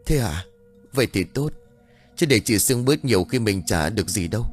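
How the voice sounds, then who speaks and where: A man's voice: on the low side, animated, brisk, faint music behind, close to an everyday voice. A man doing a brusque scheming elder brother.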